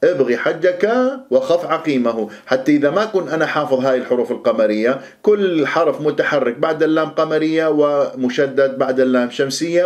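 A man teaching the rules of Quran recitation. He explains each rule plainly, then recites phrases slowly and carefully to show them. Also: medium pitch, darkish tone. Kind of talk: tajweed lesson, explaining and reciting.

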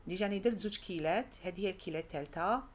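A woman's voice: on the low side, rapid-fire. A woman with an Algerian Arabic accent hosting a cooking tutorial, talking viewers through each step in a friendly way and calling them sisters. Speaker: cooking channel host.

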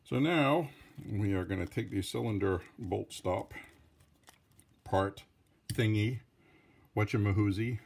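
A man's voice: fairly low pitch, lively intonation, slow, gravelly, pauses often, husky. A Franco-American man with a French-Canadian accent, giving a casual hands-on tutorial with rambling, defensive asides. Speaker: hobbyist revolver tinkerer.

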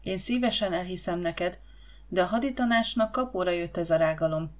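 A woman voicing a gentle, cautious woman servant who talks in a soothing, hushing way. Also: on the low side, lightly acted.

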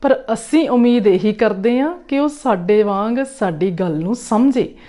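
A woman gives parenting tips to camera in a warm, coaxing way, often checking in with her listeners. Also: medium pitch, measured pace. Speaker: parenting coach.

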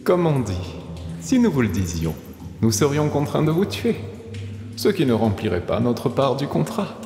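A man voicing a sinister masked male wizard who speaks with mocking, menacing calm, heard with heavy echo and long reverb. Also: mid-range voice, slight background noise, pitched above the performer's own voice. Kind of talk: audiobook character voice.

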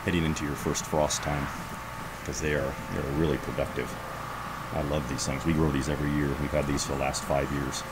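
Man, very low voice, relaxed rambling garden tour, handheld camera outdoors, clear background noise. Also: a little fast. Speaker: homesteading vlogger. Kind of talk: casual garden walkthrough. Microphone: camera held at arm's length.

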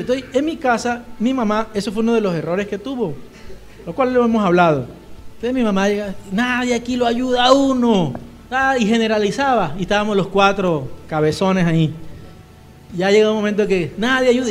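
A man preaching a sermon, animated, acting out quoted shouts as he tells stories. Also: sits high.

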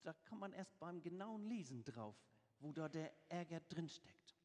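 A man preaches in a church, his high voice carrying a long reverb through the hall. He reads scripture with emphasis and then explains it in plain, everyday words. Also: animated, measured pace, a little mellow. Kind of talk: sermon.

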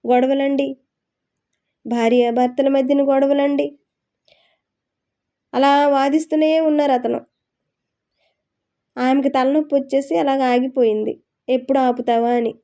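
A woman's voice: high-pitched, mellow, highs cut off. A woman preaching a sermon in an earnest, coaxing way, often asking rhetorical questions.

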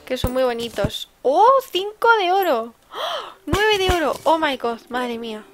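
A woman with a Spain Spanish accent gives casual, chatty gameplay commentary and breaks into sudden excited exclamations. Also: high voice, normal speed, a little hiss or hum. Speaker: let's-play host.

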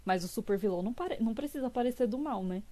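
A woman's voice: fairly high pitch, expressive, fast talker, dark tone. A young woman with a Brazilian accent, chatting casually on a live stream and reading viewers' texts aloud, gushing over cute drawings. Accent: Brazilian Portuguese.

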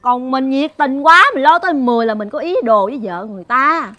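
A bossy busybody in a comedy sketch. Her voice is high and sharp as she nags and accuses without letting anyone get a word in. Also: brisk. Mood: accusing. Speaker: women's group assistant.

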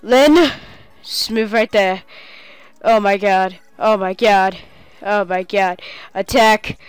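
A woman commentating her own game play, excitable and talking to herself, with cheering outbursts. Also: medium pitch, slow, clean tone, no echo. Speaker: gamer playing a game on video.

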